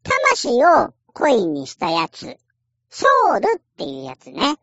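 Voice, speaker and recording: A woman's voice: mid-range voice, huge pitch swings, measured pace, fairly bright tone, no echo, dull audio. A woman casually explaining a game in a chatty, playful way, acting out little quotes as she goes.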